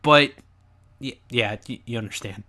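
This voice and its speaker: A man doing reaction commentary over his old gameplay video, animated, sarcastic and joking. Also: mid-range voice, normal speed, soft background music. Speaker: let's play commentator.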